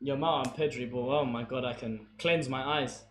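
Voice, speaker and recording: A young man giving casual, excitable football commentary on a livestream, chatting with his viewers between plays. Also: medium pitch, moderate pace. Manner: casual, excitable play-by-play, talks to chat. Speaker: streamer commentating a football watchalong. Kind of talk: live match commentary and chat with viewers. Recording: echoey room with faint background noise.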